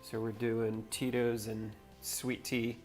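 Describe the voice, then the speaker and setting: A man's voice: medium pitch, flat delivery, takes it slowly, a little mellow, soft background music. A man from North Carolina hosting a livestream, chatting casually and rambling in a laid-back way as he builds. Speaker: livestream host. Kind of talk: casual chat while building.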